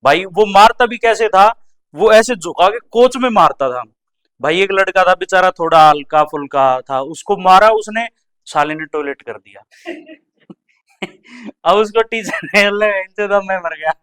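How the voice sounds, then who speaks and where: A young man on a comedy stage tells school stories, jumping into quick voices for teachers and classmates. His voice sits a little high for a man and comes through smooth and clear on a handheld mic. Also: a bit bright. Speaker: stand-up comedian. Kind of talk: stand-up comedy storytelling.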